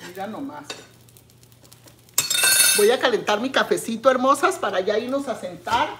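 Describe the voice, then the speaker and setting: A middle-aged woman, chatting casually with her viewers as she cooks in her home kitchen, often drifting into soft asides. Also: medium pitch, lively intonation, moderate pace, heavy background noise. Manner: chatty, addresses viewers as friends, often trails into quiet asides. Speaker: cooking channel host. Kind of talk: casual cooking vlog chat. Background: food sizzling in a pan.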